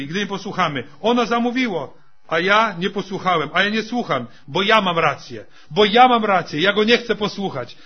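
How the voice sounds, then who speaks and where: A man's voice: sits high, husky, muffled recording. A man preaching a sermon to his congregation, repeating his points with emphatic calls and addressing them as brothers and sisters.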